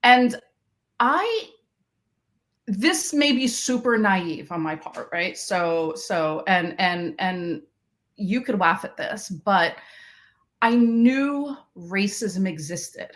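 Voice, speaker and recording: Her voice sits at medium pitch with lively intonation, a fairly bright tone, and a slow delivery. She's a math education researcher from Queens, New York, guesting on a podcast interview, telling her story thoughtfully and repeatedly restarting sentences.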